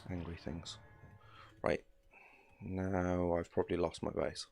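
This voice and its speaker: Deep gravelly male streamer rambling casually. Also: little pitch movement, takes it slowly, darkish tone, faint music behind. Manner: rambling, filler-heavy, easygoing. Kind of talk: casual gameplay commentary.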